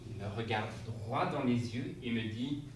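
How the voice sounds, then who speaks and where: This stage actor's comic monologue casts him as a flustered, amused spouse telling a ridiculous story, full of exclamations and laughter. His voice is medium-pitched and lightly acted, moving at a measured pace. Faint hiss and echo come through a distant mic on the stage.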